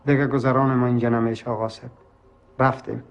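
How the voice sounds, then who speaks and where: An actor with an Afghan accent playing a humble older servant who speaks in a subdued, polite way. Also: male voice, medium pitch, little pitch movement, creaky, dull audio, close to an everyday voice.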